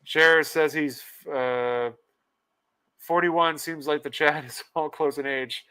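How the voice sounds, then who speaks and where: A man with a smooth, resonant voice pitched a touch high hosts a relaxed livestream chat. He laughs easily and reads out viewer comments as he goes. The talk is loose and friendly. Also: takes it slowly. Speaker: podcast host.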